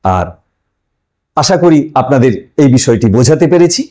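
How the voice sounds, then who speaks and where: A man's voice: mid-range voice, very animated, moderate pace, warm tone. A male teacher explaining a language lesson. He asks questions and then answers them himself, stresses key words and addresses the viewers as friends.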